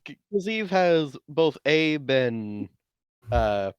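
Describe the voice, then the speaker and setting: A man narrating a tabletop game as game master, in a measured, wry way. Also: fairly high pitch, sing-song, highs cut off, a little hiss or hum.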